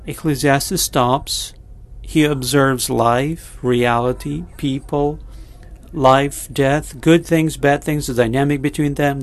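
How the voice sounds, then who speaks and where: A man preaching a sermon and leading a prayer, pausing often with fillers and restarting his sentences. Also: medium pitch. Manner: halting, many fillers and restarts, slow and deliberate. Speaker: pastor.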